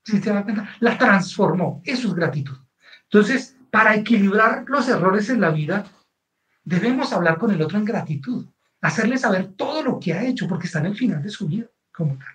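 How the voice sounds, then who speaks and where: A man's voice: high voice, a little fast, rough recording. A man with a Colombian accent, a guest author telling a personal story in conversation and often checking in with his listener. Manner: animated, keeps checking in with the listener.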